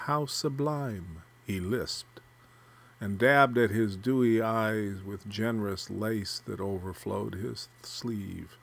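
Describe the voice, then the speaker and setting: A man narrating a literary story, reading prose aloud with a measured, even delivery. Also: medium pitch, vocal fry.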